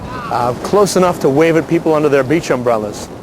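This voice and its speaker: A man's voice: on the high side, expressive, brisk. An American man talking casually to camera like a showman, stretching out his emphatic adjectives. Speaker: circus ringmaster showing his life on tour. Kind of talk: casual to-camera vlog talk. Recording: faint outdoor and vehicle noise. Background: faint outdoor noise.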